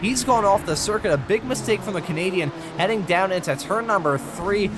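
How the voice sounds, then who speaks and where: A man with a high voice calls a race as a motorsport commentator. His play-by-play is excited, dramatic and full of effusive reactions. Music plays clearly behind him. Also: a little fast.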